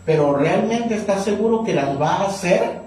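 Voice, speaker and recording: A pastor delivers a Sunday sermon as an animated storyteller, his high voice swinging widely as he acts out scenes. The sound is very echoey and picked up from a distance in a church hall, with faint noise underneath. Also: normal speed. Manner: animated storyteller, raising pitch for characters' lines.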